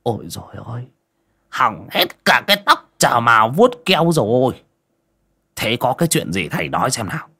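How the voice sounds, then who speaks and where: Man putting on a fawning old medium, higher and lively, comic storybook figure. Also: normal speed, husky. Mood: whiny. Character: mocking old male medium, comic and cowardly.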